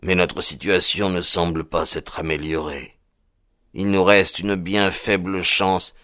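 A man voicing a rough, weary frontiersman who talks slowly and tenderly to a child in an audiobook. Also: low-pitched, level tone, bright, forceful tone, dry recording, studio quality. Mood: grave. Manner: slow, grave, tender speech.

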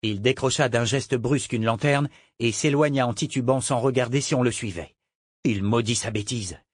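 A man giving steady, scripted narration of a fantasy audiobook. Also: medium pitch, moderate pace, husky, no room sound, clean studio sound.

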